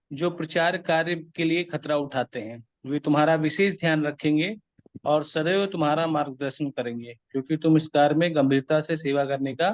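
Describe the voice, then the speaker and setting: A man leading a devotional class over a video call, explaining at length and often checking in with his listeners. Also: fairly high pitch. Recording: dull lo-fi video call audio.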